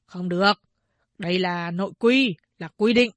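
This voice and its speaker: A woman voicing a blunt male official who gives loud, commanding orders. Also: fairly low pitch, unhurried, dry recording, natural voice. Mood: gruff insistence.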